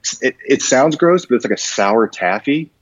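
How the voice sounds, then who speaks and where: This podcast guest, a branding designer in his thirties raised mostly abroad in Japan, speaks in a mid-range, animated voice at a moderate pace. His casual interview talk is full of slang, self-deprecation and personal stories. The audio is dull and has no room sound.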